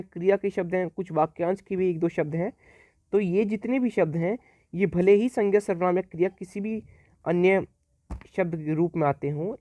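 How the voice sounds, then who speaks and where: High-voiced man teaching grammar. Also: warm tone, dry recording. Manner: explains step by step, repeats key words, asks and answers own questions. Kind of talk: recorded grammar lesson.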